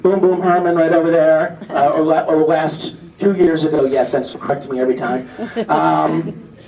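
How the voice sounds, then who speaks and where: A gravelly, warm male voice, a little high and fairly even at normal speed, kicks off an event as emcee. The auctioneer riffs through a teasing, off-the-cuff comic monologue in a large room, and the recording is echoey and distant, with audience noise.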